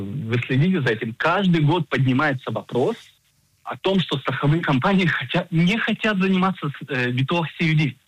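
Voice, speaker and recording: A man in his forties, an insurance agent and financial planner, explaining coverage in a radio interview in a measured way with frequent hesitations. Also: mid-range voice, a bit bright, slight background noise, rough recording.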